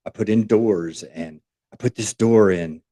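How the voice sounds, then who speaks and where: Weary workman moaning about his day, fairly low voice, played by a man. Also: unhurried, dark tone. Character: tired working man on his birthday.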